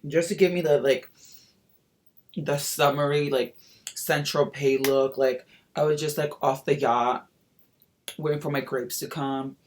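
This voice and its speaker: A man's voice: on the high side, fairly even intonation, a little slow, pauses often. A man chatting casually through a makeup tutorial as a sassy drag queen, with campy slang and exclamations. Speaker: makeup vlogger and drag performer. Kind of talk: casual get-ready-with-me makeup tutorial chat.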